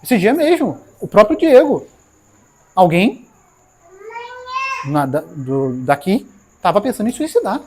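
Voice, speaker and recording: Brief: Brazilian woman preacher, animated sermon, voice leaping all over, keeps questioning the crowd. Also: mid-range voice, measured pace, long pauses, slight background noise. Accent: Brazilian Portuguese. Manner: animated, acts out dialogues, asks the audience questions.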